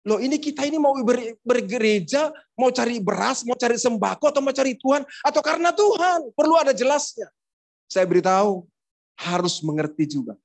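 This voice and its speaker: A man's voice: very high-pitched, lively intonation, a little fast, creaky. A man preaching a sermon as a pastor in a church, joking and acting out household dialogues between husbands and wives. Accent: Indonesian. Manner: playful, acts out household dialogues.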